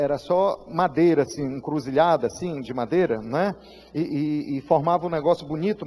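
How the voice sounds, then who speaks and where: A man with a Brazilian Portuguese accent preaching a sermon, telling a story with feeling, acting out voices and shouting at the peaks. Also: a little high. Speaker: pastor. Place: church hall. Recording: live church hall reverb.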